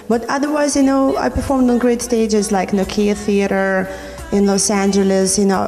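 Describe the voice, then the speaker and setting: A woman's voice: medium pitch, dark tone, big-room sound. A young woman from Norway, a recording artist, talking about her music in an interview, with many "you know" fillers. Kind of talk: interview answers.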